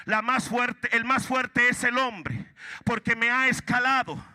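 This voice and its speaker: A man preaching, voicing a vast mountain that speaks in a low, mournful way. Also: unhurried, bright, forceful tone, exaggerated voice. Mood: sorrowful. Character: sorrowful mountain, vast and heavy-hearted.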